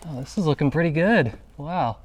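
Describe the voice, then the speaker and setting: A man's voice: on the high side, expressive, moderate pace, husky. A man talking casually to his vlog, thinking aloud as he explores outdoors. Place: outdoors at an abandoned island fort.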